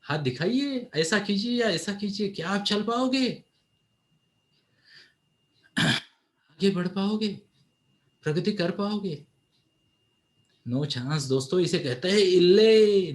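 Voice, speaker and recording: A man giving a motivational storytelling talk to an audience, animated and engaging, often turning to the audience with questions. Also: a little high. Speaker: motivational speaker and counselor.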